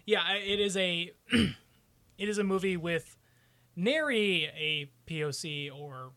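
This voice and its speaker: A man's voice: sits high, slow, pushed and bright. A man co-hosting a casual movie podcast, making wry, jokey asides.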